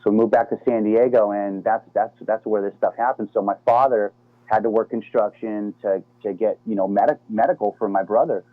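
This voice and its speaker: A man's voice: on the low side, fairly even intonation, fairly quick, no room sound. A middle-aged American man, a former Navy SEAL guest, talking casually over the phone and calling the host "man" and "dude". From United States. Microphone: phone line. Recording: tinny phone line, dry.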